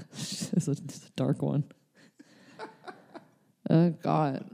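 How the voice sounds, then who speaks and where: Candid rambling young woman, mellow voice. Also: sits low, animated, extremely slow, gravelly. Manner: rambling, filler-heavy, candid. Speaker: podcast guest. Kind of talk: casual chat. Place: LA area.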